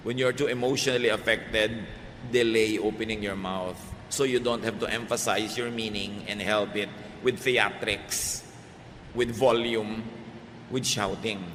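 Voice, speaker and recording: A middle-aged Filipino man preaching a sermon, shifting between Tagalog and English and swinging from loud emphasis to soft, quiet lines. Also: on the low side, fairly even intonation, measured pace, a little hiss or hum. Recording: reverberant hall, faint ambience.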